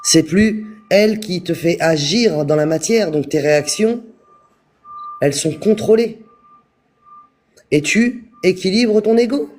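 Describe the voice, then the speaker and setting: A man giving a calm, repetitive spiritual talk on a live stream, speaking straight to his viewers. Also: sits high, measured pace, long pauses. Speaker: spiritual teacher.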